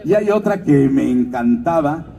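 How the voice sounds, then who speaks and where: A man who works as a voice actor and announcer, giving a lively stage talk at a fan expo. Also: on the high side, unhurried, creaky, distant mic, muffled recording. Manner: lively storyteller, slipping into character voices.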